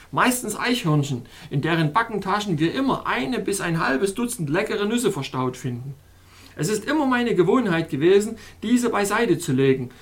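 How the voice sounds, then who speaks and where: A reader voicing a male official of an ice kingdom in an audiobook, reassuring and matter-of-fact. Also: mid-range voice. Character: master of the meat quarries, helpful male official. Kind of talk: audiobook character voice.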